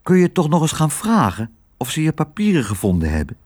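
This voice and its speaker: A man's voice: fairly high pitch, wildly swooping pitch, a little fast, darkish tone, breathy edge, pitched above the performer's own voice, heavily acted. A man voicing an eager, kind little girl in a storybook reading, lifted well above his own voice.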